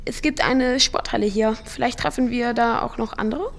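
A woman's voice: fairly high pitch, normal speed, gravelly, a little hiss or hum. Woman voicing a cocky teenage boy. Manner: casual, slangy teen talk. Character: teenage boy from Earth, cocky but grieving. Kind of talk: audio drama acting. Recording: music playing underneath.

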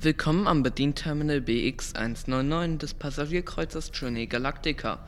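A man's voice: a little high, moderate pace, fairly bright tone, slight background noise, close to an everyday voice. A man voicing a polite, long-winded passenger-ship terminal computer with a formal service tone. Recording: long reverb, voice sounds distant.

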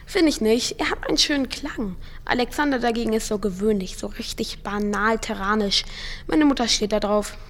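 A woman's voice: a little high, normal speed, natural voice. A woman voicing a teenage boy from Earth in an audio drama, with casual, slangy teen talk. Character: teenage boy from Earth, cocky but grieving. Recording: music playing underneath.

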